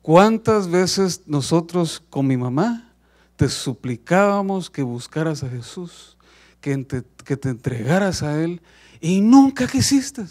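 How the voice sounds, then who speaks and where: A man's voice: on the high side, animated, a little slow. A man voicing a little girl who pleads with her father and then solemnly reproaches him, acted within a sermon. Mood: reproachful.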